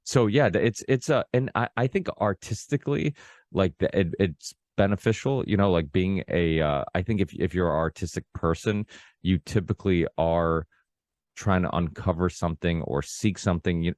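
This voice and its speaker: A low-pitched, slightly mellow male voice belongs to a Portuguese-born podcast host of about forty whose native language is Portuguese. He rambles through a casual long-form conversation with many restarts and plenty of "you know, like". The studio-quality audio has no room sound.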